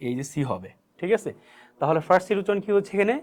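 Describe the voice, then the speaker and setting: A man's voice: high-pitched, big pitch swings, rapid-fire, darkish tone. A man teaching English pronunciation as a lesson, asking questions and answering them himself and repeating key words. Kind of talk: spoken classroom lesson.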